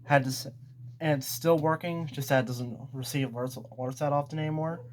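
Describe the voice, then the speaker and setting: A weather radio collector gives a rambling, unscripted show-and-tell, often backtracking and repeating himself. His voice is slightly high and darkish with fairly even intonation and a brisk pace, recorded at home amid noise and clicks.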